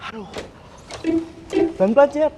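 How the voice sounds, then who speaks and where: An actor playing a cheeky, whining burglar's sidekick, easily distracted, in a film comedy. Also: male voice, very high voice, unhurried, dull audio, music in the background. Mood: cheeky, grumbling.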